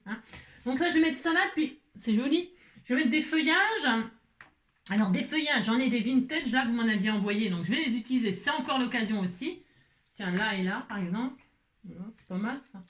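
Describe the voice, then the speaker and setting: A woman's voice: on the high side, echoey room. Chatty woman thinking aloud over her crafts. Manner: chatty, thinks aloud, lots of "hein" and "voilà". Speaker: craft video host.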